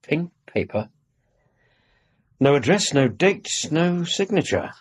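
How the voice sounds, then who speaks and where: Doctor Watson, animated husky English gentleman. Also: on the high side, takes it slowly, exaggerated voice. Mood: curious, earnest. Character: Doctor Watson, warm, affable Victorian gentleman doctor, middle-aged. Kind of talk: radio drama acting.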